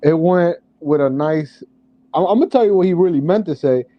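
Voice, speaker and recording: A man co-hosting a casual chat, relaxed and reflective, restarting his sentences as he talks. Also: fairly high pitch, a little fast, no room sound. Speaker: podcast co-host. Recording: dull lo-fi audio.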